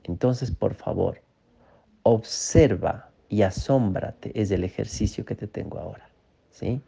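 A man teaching a mindfulness course module, gently coaching the listener and checking in often. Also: lowish voice, creaky, husky. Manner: slow, repetitive, gently coaching with frequent "¿sí?" checks. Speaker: course instructor. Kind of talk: guided mindfulness lesson.

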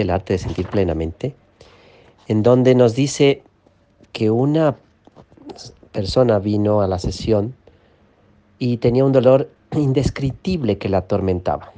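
Low, mellow-voiced man teaching calmly. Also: takes it slowly, pauses often. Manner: calm, often checks in with listeners. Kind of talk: guided emotional-awareness teaching.

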